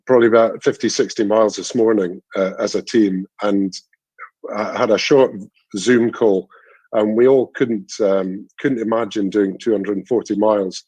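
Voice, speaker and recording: A man chatting on a charity livestream, halting and full of dry self-deprecating humour. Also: lowish voice, fairly even intonation, darkish tone, breathy edge, no echo. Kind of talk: casual video-call chat.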